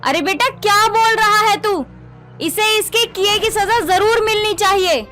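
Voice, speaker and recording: A woman voicing a stern middle-aged mother-in-law in an animated story, scolding and wailing theatrically. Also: very high-pitched, measured pace, exaggerated voice. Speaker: voice actor. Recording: background music under the voice.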